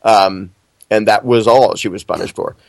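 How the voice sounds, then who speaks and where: A man's voice: lowish voice, normal speed, vocal fry, dry recording. A man talking as an interview guest, conversational, plainspoken and blunt in his opinions.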